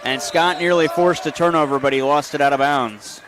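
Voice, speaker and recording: A man's voice: a little high, fairly even intonation, background noise. Man calling basketball play-by-play. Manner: brisk, calls plays in short bursts. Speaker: play-by-play announcer.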